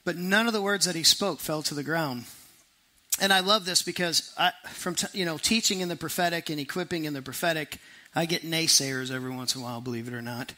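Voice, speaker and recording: A middle-aged man, preaching a sermon to a congregation in a lively, conversational way with quick asides and sudden slow emphasis. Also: fairly high pitch.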